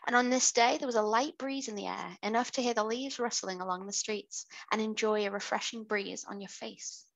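A woman's voice: mid-range voice, fairly even intonation, fairly quick, gravelly, fairly bright tone, low-quality recording. A British woman hosting a podcast, reading out a true crime case with chatty asides. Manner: chatty asides while narrating. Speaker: podcast host.

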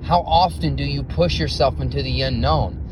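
A man delivers an intense, profanity-laced motivational monologue while driving. He keeps firing off rhetorical questions. He is captured as low-quality phone audio, with clear car and road noise underneath. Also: moderate pace. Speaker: podcast host. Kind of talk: motivational self-talk monologue. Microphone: phone recording.

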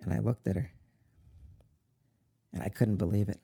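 A man's voice: fairly low pitch, steady tone, creaky, warm tone, dry recording. [name], a man playing a grieving young man. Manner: slow, halting, tearful storytelling. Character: grieving young man mourning his mother. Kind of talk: dramatic monologue.

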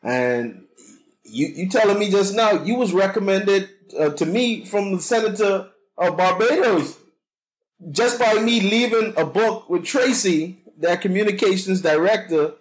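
An unhurried man with a high voice and lively intonation shares his story as a casual interview guest, heard on a rough recording. The Bahamian-accented cannabis consultant is boisterous and talkative and frequently repeats words.

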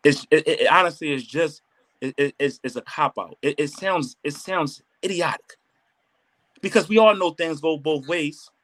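A man's voice: a little high, normal speed, fairly bright tone. A man co-hosting a casual podcast, arguing emphatically and acting out quotes, with some profanity. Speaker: podcast co-host.

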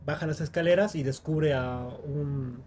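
Male podcast host, slightly high voice, walks through scenes in a relaxed casual chat. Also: unhurried, a little hiss or hum. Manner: guides the segment, recounts scenes at length. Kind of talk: casual movie discussion.

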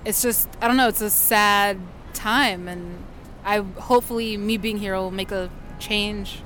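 A woman's voice: medium pitch, steady tone, measured pace, fairly bright tone, a little hiss or hum. A woman marcher answering hesitantly, with many fillers. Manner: hesitant, lots of "like". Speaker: marcher interviewed. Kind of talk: street interview.

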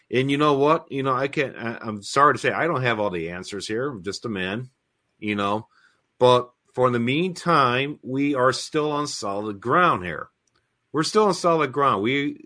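Earnest emphatic man, low voice. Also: bright, forceful tone. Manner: earnest, emphatic, repeats phrases. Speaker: co-host of a prophecy talk stream. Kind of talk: casual live-stream discussion.

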